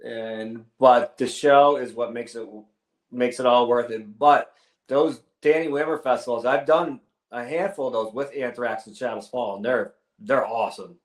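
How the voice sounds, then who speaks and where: A man's voice: medium pitch, fairly even intonation, normal speed. Male musician in an echoey room. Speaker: musician, interview guest. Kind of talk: casual interview chat. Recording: roomy, echoing sound.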